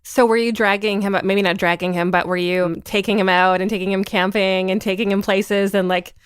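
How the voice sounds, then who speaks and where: A woman hosting a podcast interview, bubbly and quick to laugh. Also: mid-range voice, fairly even intonation, clean tone, dry recording, studio quality. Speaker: podcast host.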